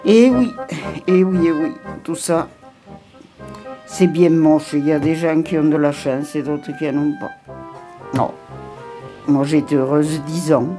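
A woman's voice: low-pitched, steady tone, measured pace, long pauses, over music. An older woman reminiscing at home in a rambling interview, often repeating words and sighing.

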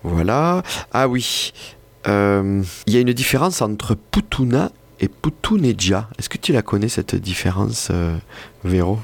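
A man's voice: on the low side, animated, unhurried, vocal fry, no room sound. A man explaining language points, hesitant and full of fillers and restarts. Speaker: co-presenter explaining the Occitan language. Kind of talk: reading aloud and casual explanation.

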